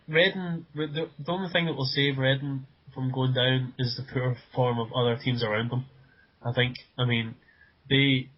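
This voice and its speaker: A man co-hosting a casual football podcast, often repeating words as he starts sentences. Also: medium pitch. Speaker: podcast co-host. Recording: dull lo-fi podcast audio.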